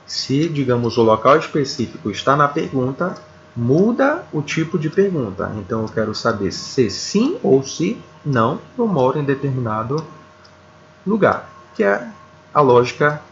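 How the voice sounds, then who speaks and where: A man with a Brazilian Portuguese accent teaching an English grammar lesson, slow and deliberate, often repeating words and checking in with his students. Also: medium pitch, big pitch swings, lo-fi sound, slight background noise. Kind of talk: video lesson explaining grammar.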